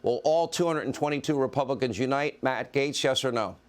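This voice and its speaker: A middle-aged man hosting a TV news interview, firing off emphatic, rapid-fire questions to his guests. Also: mid-range voice, a little hiss or hum. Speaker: TV news host.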